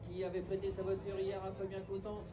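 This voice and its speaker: A man commentates live on a car race in a strikingly high-pitched voice. He drives the action along with short, urgently repeated phrases. Heavy vehicle noise surrounds him at the outdoor trackside. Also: completely flat delivery, brisk. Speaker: motorsport commentator.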